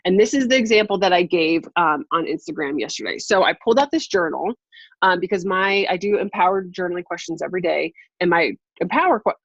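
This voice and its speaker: A woman's voice: lowish voice, dry recording. A woman life coach leading a group coaching call over a video call, upbeat, encouraging and motivational. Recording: slightly muffled lo-fi call audio.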